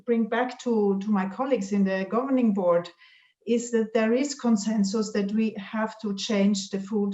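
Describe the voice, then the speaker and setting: A woman with a delivery, a board chair giving measured closing remarks with frequent fillers. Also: medium pitch, a little mellow, reverberant, muffled recording. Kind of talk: concluding remarks at an online conference.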